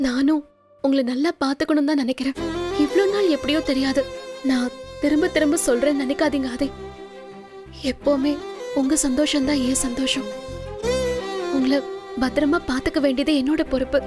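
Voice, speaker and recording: Actress as Bharathi, tearful young wife. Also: female voice, sits high, fairly even intonation, normal speed, long pauses, music in the background, close to an everyday voice. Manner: tearful, pleading. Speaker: actress in a TV serial. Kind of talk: TV serial acting.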